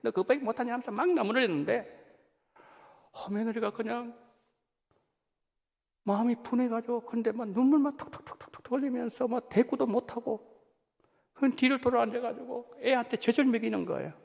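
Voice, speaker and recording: A man, a senior pastor, preaching a sermon in a church, talking in an animated way that rises and drops sharply for emphasis. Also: very high voice, normal speed, vocal fry, long pauses, muffled recording. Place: church sanctuary. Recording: long hall reverb of a church.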